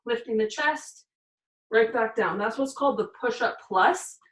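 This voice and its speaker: A woman's voice: on the high side, a little slow, a bit bright. Woman coaching exercises in an echoey room. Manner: talks through each move while doing it, counting reps. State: a little out of breath. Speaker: fitness instructor. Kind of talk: exercise demonstration. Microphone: camera mic from a distance. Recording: echoey room, voice far from the mic.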